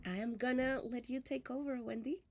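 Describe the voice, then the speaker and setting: A woman's voice: a little high, steady tone, brisk, darkish tone. Chatty woman. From Venezuela. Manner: friendly, chatty, many fillers and restarts. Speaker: host of a live crafting stream. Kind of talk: casual live-stream chat.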